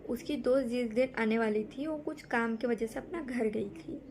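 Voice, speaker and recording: A woman's voice: on the high side, normal speed, a little mellow, slight background noise. A young woman telling a frightening true story in a casual, rambling way, often repeating herself and restarting sentences.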